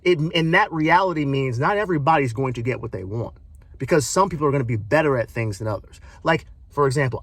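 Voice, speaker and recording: Husky-voiced man in his thirties ranting. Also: a little high, a bit bright. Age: 30s. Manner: casual, emphatic, repeats and restarts phrases. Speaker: video host. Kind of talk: unscripted opinion monologue.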